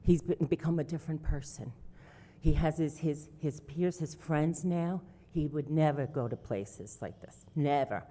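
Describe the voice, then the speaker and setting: A woman's voice: sits low, a little slow, warm tone. A woman giving public comment as a parent, earnest and effusive in her praise. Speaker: parent speaking at a hearing. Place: village hall meeting room. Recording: reverberant hall.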